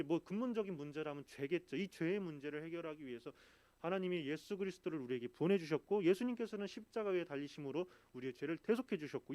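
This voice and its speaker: A man preaching a Sunday sermon as a pastor, talking in an animated way and often putting questions to the congregation. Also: a little high, dry recording.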